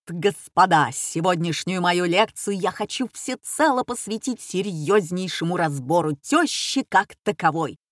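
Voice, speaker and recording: A plump, pompous comic lecturer holds forth in slow, stretched-out phrases, his voice pitched up with showy grandeur, as a woman reading the story puts him on. The sound is dry and close, like an audiobook. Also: dry recording. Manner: slow, drawn-out declaiming.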